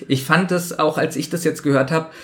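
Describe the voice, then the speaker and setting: A man with a somewhat high voice, talking casually on a podcast. He weighs small details and often pauses on fillers as he thinks. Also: steady tone, fairly bright tone. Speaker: podcast co-host. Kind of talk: casual chat recapping an audio drama.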